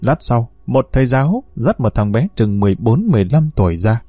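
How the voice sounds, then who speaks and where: A man's voice: mid-range voice, big pitch swings, fairly quick, dark tone, dry recording, clean studio sound. A man telling a first-person ghost story in a tense, earnest way.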